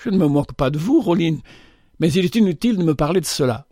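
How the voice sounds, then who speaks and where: Man reading as a composed young lady, light and firm, pitched up, dry close mic. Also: lively intonation, quick pace, warm tone, no echo. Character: young woman, poised, lightly teasing, then firm. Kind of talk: audiobook dialogue reading.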